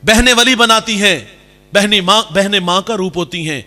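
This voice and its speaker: A man preaching an impassioned sermon, acting out stories, and sometimes slowing to a sing-song recitation of verse. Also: sits high, pushed and bright. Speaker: Islamic preacher. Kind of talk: Urdu sermon with Punjabi verse and quotes. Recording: long hall reverb.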